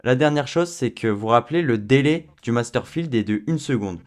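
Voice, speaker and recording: Chatty man narrating a software tutorial. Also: medium pitch, normal speed. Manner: relaxed, chatty, with fillers like euh and hein. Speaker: tutorial host. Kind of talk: screen-recorded software tutorial.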